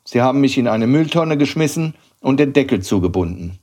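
A man's voice: medium pitch, animated, fairly quick, voice pushed up, close to an everyday voice. A man doing a shy, earnest schoolboy. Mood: timid. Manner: quiet, earnest, hesitant. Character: shy timid young schoolboy. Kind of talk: audiobook reading.

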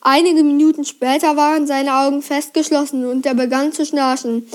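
A woman presenting and reading a children's book aloud, in a lively storybook manner. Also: high-pitched, normal speed.

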